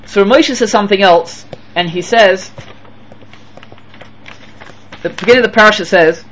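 Animated rabbi teaching, Yiddish-laced English. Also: male voice, sits high, fairly quick, slight background noise. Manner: animated, mixes Hebrew and Yiddish terms into English, swings between loud and hushed. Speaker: rabbi giving a Torah class. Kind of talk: Torah lecture.

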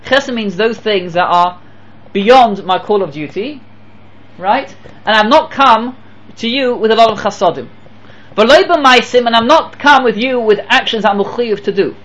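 A man giving a Torah lecture as a rabbi. He mixes Hebrew and Yiddish terms into his English and swings between emphatic and hushed delivery. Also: high voice, lively intonation, moderate pace.

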